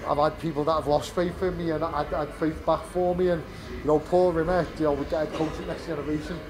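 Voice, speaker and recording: The recording is low-quality: a British fighter in his twenties, voice a little high, speaks candidly in a post-fight press interview. Rambling with many fillers and restarts, he's in the fight venue's media area with crowd chatter behind.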